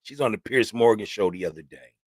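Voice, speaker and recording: A man's voice: on the low side, fairly quick, no echo, studio quality. Slangy talkative male podcast host. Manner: loose, slangy and talkative, with frequent "man" and "you know what I'm saying". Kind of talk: casual opinion podcast.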